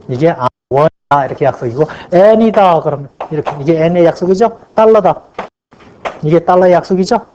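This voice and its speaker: A man's voice: a little high, dark tone, a little hiss or hum. A man teaching an accounting class, asking the class questions and answering them himself, stretching out the key points. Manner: drawn-out stress on key points. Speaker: accounting lecturer. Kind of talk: classroom lecture. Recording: dull lo-fi lecture recording.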